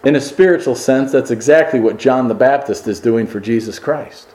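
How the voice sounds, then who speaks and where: A man preaching a sermon, building to emphatic peaks and dropping to quiet asides. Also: mid-range voice, moderate pace, roomy sound, rough recording. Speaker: pastor.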